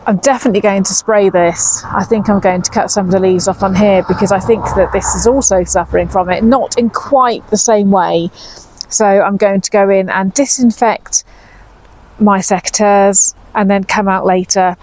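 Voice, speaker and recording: A woman in her fifties with an English accent chats casually to camera while pruning in her outdoor cottage garden. She's a vlogger on a lapel mic, talking as she works and sounding a little anxious. Her voice is medium-pitched, steady and darkish, at a normal speed, and the recording quality is low.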